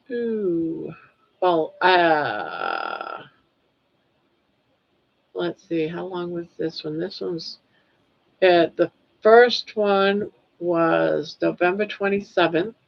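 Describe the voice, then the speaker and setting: Reading her chat aloud, this older Maine woman rambles and laughs freely on a laid-back livestream. She speaks very slowly in a lowish, creaky voice, very animated, with frequent pauses. Dull lo-fi stream audio carries it all.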